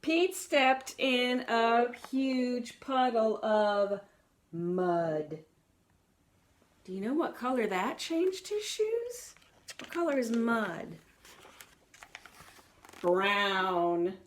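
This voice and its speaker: Reading a picture book to small children, a woman with a fairly high voice goes extremely slowly, leaving long pauses. She animates the story, questions her young listeners and exclaims along, with slight background noise.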